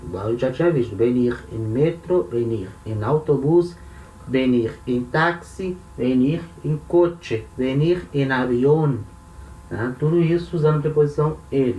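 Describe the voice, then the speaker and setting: A man's voice: medium pitch, measured pace, dark tone, echoey room, far from the mic. A man with a Brazilian Portuguese accent teaching grammar patiently, often checking in with tag questions. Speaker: language teacher. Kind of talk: explaining grammar.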